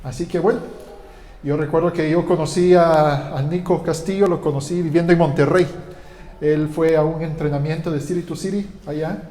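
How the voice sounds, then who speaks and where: A man's voice: a little high, fairly even intonation, normal speed, mellow. A man from Guatemala, a pastor, giving a conversational sermon with frequent fillers and restarts. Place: church hall. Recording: echoey church hall with long reverb.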